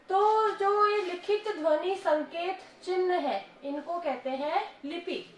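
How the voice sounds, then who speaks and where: A woman with a high voice teaches a school grammar lesson. She scolds and coaxes her pupils to answer. The classroom sounds echoey, with faint noise behind.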